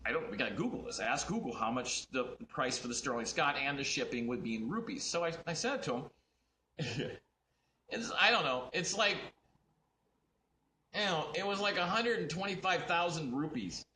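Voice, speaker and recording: A fashion designer from the United States chats loosely into his phone camera, his bright voice swinging up and down as he rambles and curses. The room around him is echoey, with a faint hum of ambience behind. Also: a little high, expressive, moderate pace. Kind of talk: casual livestream chat. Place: indoors at his design studio. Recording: roomy echo.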